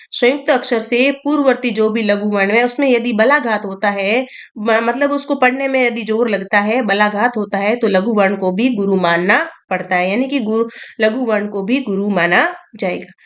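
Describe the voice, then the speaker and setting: A woman teaching a grammar lesson to students, explaining slowly and repeating key terms as she asks and answers her own questions. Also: on the high side.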